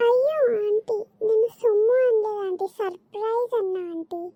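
A woman's voice: very high-pitched, normal speed, no echo, lo-fi sound. A woman voicing a polite young female visitor back from abroad in a cartoon, pleading and courteous.

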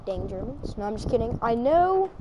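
A woman's voice: a little high, big pitch swings, moderate pace, lo-fi sound, noisy background. A young woman streaming a video game with chatty, joking commentary. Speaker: gamer streamer. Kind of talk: casual gameplay commentary.

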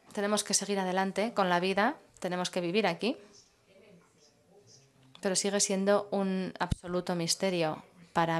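At a public talk, a female simultaneous interpreter delivers her lines in measured phrases. Her pitch is medium, and she pauses whenever she hunts for the right word.

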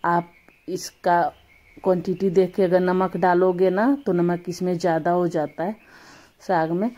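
Woman, home cooking tutorial, slightly sore throat, low mellow voice, chatty. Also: level tone, unhurried. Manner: chatty, homely, self-correcting. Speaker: cooking channel host. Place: home kitchen.

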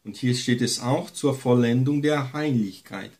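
A man's voice: mid-range voice, unhurried, darkish tone. Man teaching the Bible, emphatic. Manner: emphatic, repeats key phrases, frequent tag "ne".

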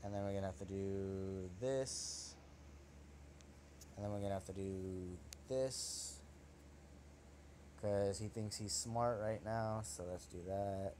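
A young man giving excitable, trash-talking commentary over his own gameplay, swearing at his opponent as he plays. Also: on the low side, slow pace, pauses often, a little hiss or hum. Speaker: gaming channel host.

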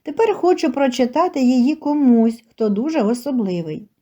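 A kind young male writer from a storybook, soft and warm-spoken, as a woman narrator reads his lines. The voice sits a little high and sounds mellow rather than bright. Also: lively intonation, moderate pace, dull audio. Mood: tender.

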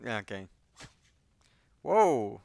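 A man's voice: lowish voice, very animated, extremely slow, vocal fry, a little mellow. A man with a Boston accent giving casual, rambling, hesitant reaction commentary on a video.

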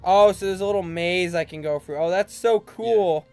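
Man, high voice, casual game commentary, reads dialogue aloud, playful, sweary, light music behind. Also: normal speed, a little mellow, smooth. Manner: playful, teasing, foul-mouthed. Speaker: let's play host. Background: video game music.

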